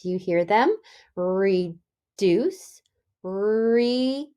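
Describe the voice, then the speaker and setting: A medium-pitched woman, an elementary school teacher, leads a read-aloud lesson for young children. She's animated and deliberate, and she often puts questions to them.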